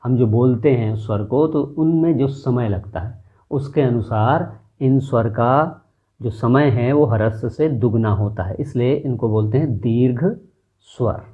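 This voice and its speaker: Slow-speaking man teaching, tinny audio. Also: mid-range voice. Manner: slow, drawn-out demonstration of vowel sounds. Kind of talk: classroom lesson.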